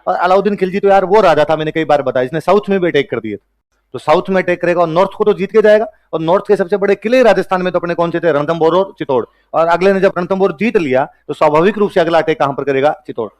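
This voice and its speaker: A man's voice: high voice, fast. A man teaching a history class, asking and answering his own questions and joking with students.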